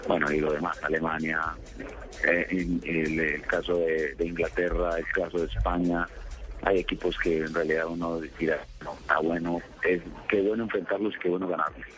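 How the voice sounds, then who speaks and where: A middle-aged football coach from Colombia giving a phone interview on sports radio, halting and reflective, with many pauses and fillers. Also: male voice, low-pitched, flat delivery, fairly bright tone, soft background music, low-quality recording.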